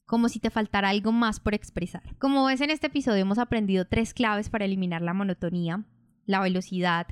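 Clear-voiced woman teaching calmly. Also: mid-range voice, dry recording, clean studio sound. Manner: calm, measured, explanatory. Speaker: podcast host and public-speaking coach. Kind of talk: instructional podcast narration.

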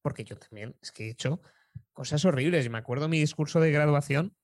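Young man from Spain, Spanish accent, lively anecdotal storyteller, dry recording. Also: a little high, a little fast, no room sound. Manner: lively storyteller, chuckles often. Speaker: public speaking coach.

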